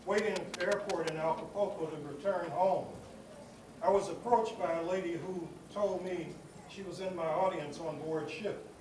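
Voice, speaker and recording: A man with a high-pitched voice delivers a commencement address in a large hall. He speaks in a rhythmic, oratorical way, stacking repeated phrases. The recording has a heavy echo. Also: a little mellow. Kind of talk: commencement speech. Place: large hall at a graduation ceremony. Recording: echoey hall recording from far off with noise.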